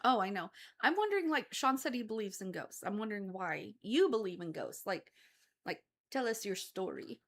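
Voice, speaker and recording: A woman's voice: medium pitch, big pitch swings, normal speed. A woman co-hosting a casual chat, telling stories and laughing often. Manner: laughs often, chatty storytelling. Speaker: co-host, author.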